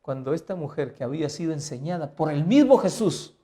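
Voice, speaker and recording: A male pastor teaching a Bible lesson in the style of a sermon. He keeps asking the listener rhetorical questions and swings between quiet and loud emphasis. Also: on the high side, expressive, fairly quick.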